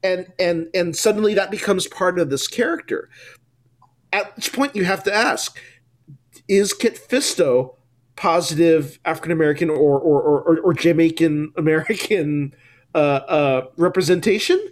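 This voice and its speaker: Excitable man hosting a chat. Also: a little high, normal speed. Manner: enthusiastic, thinks aloud with restarts and tag questions. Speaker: podcast host. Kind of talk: casual panel discussion.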